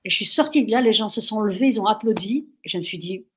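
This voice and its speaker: This woman from Belgium is a guest on an interview, and she's a fast talker with a medium pitch. She tells her stories with great energy, getting carried away as she goes. Slight background noise can be heard.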